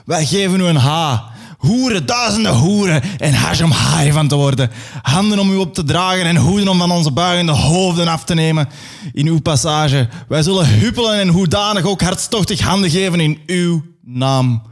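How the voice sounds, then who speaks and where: A man's voice: lively intonation, normal speed. A man putting on an ecstatic chanting crowd. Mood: exalted. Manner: exalted chanting, high and theatrical. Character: ecstatic worshipping crowd of billions, mixed.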